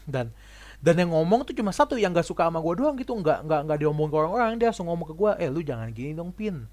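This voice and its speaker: A man's voice: a little high, animated, quick pace, darkish tone. A young man in a casual monologue vlog. He rambles in slang, often repeats and restarts his words, and acts out the people he talks about.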